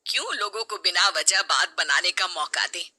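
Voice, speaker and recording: A woman voicing a kind middle-aged mother-in-law who speaks softly and patiently. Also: lowish voice, expressive, moderate pace, breathy edge, full character voice. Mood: gentle. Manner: soft, patient, explaining.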